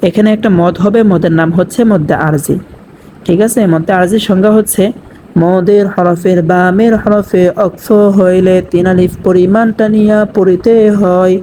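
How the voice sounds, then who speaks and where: A woman teaching recitation in a warm, mellow voice. She spells out letters and vowel marks one by one, then draws the words out slowly. She speaks straight to her viewers, over faint background noise. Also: lowish voice, fairly even intonation, rough recording. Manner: addresses viewers directly and checks understanding. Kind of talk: tajweed lesson with spelled-out recitation.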